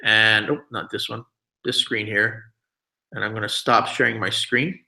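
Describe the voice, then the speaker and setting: A man hosting a webinar and giving a persuasive sales pitch, often checking in with his audience. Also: steady tone, unhurried, gravelly, pushed and bright, rough recording. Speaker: webinar host.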